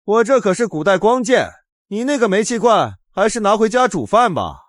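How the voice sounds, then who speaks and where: A male voice actor playing an arrogant young rich contestant who sneers and shouts insults, in a motion comic. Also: high-pitched, very animated, moderate pace, no echo, studio quality. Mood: sneering. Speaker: repair contest rival.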